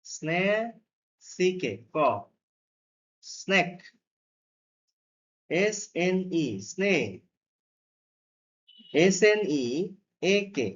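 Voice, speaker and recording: Very slow, deliberate man teaching phonics. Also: high voice, highs cut off. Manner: spells words letter by letter, then sounds them out. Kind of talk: spelling lesson for beginners.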